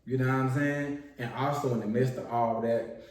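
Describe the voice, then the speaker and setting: A man's voice: mid-range voice, steady tone, moderate pace. A young man chatting casually with his wife while eating, laid-back and slangy. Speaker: vlog co-host. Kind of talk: casual chat over a meal. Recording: very echoey room, faint noise.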